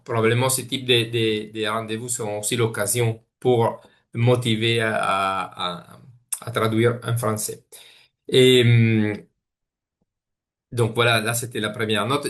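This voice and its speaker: This man, a native speaker of Italian from Italy, gives a webinar presentation as a guest on a video call, his Italian accent clear. He frequently hunts for words and begins phrases over, in a voice on the low side with a fairly bright tone.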